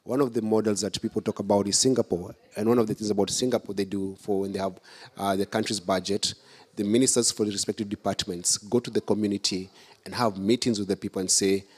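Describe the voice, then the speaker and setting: A man's voice: fairly low pitch, fairly even intonation, fast, darkish tone, breathy edge. A man with a Kenyan accent, answering audience questions as a political candidate at a conference, earnest and building his points step by step. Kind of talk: public Q&A at a conference.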